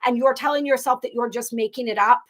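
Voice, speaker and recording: A woman's voice: a little high, fast talker. A woman hosting a live spiritual stream, talking casually and effusively to viewers, rambling with many restarts and at times near tears. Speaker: host of a live astrology and tarot stream.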